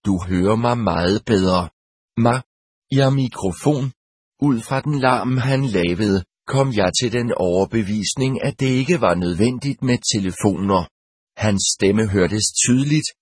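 A man with a husky voice narrating a first-person story in a measured, even way, like an audiobook. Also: fairly low pitch, no room sound, studio quality.

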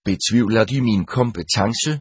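A man reading the part of an angry, pompous male customs officer in a storybook, barking orders in a husky voice. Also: fairly low pitch, dry recording. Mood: angry, triumphant.

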